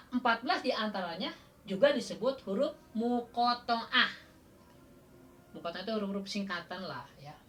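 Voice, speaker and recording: Sundanese-accented woman, Quran recitation teacher, crisp clear tone, informal classroom style, asks and laughs. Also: mid-range voice, sharp tone. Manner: quizzes students with questions, chuckles often; counts out drawn-out letters as demonstration.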